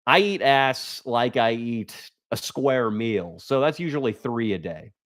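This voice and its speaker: A man's voice: mid-range voice, a little slow. Crude, rambling young man livestreaming. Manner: crude, rambling, deadpan jokes. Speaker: livestream host. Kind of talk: casual livestream chat.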